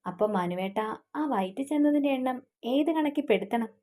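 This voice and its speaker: A woman's voice: sits high, expressive, fairly quick, mellow, pitched above the performer's own voice. A woman voicing a teasing, stubborn young woman who scolds her fiancé.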